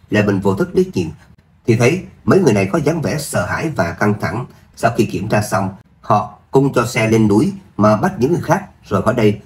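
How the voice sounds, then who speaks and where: A man narrating a serialized fantasy story in a steady, even reading voice, speaking all the characters himself. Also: lowish voice. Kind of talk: audiobook-style story narration.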